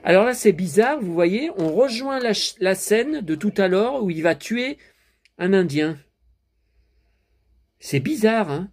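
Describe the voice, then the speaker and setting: A man's voice: high voice, animated, unhurried, pauses often. A man giving a casual running commentary while watching a DVD, chatty, often turning to his viewers and muttering to himself when flustered. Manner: chatty, keeps addressing viewers with tag words. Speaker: vlogger reviewing a DVD.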